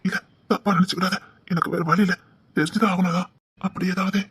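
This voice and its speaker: Woman playing a heartbroken police officer, husky voice. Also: on the low side, flat delivery, fast talker, no echo. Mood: questioning. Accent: Tirunelveli Tamil. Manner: hushed and urgent, then mournful. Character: grieving police officer man, heartbroken lover. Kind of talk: audio drama acting.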